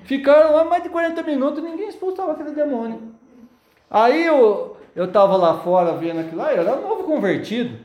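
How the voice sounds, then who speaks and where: A man's voice: very high voice, expressive, fairly quick, darkish tone, echoey room. A man preaching a sermon and telling his own story, acting out the voices of demons and people. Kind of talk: sermon testimony.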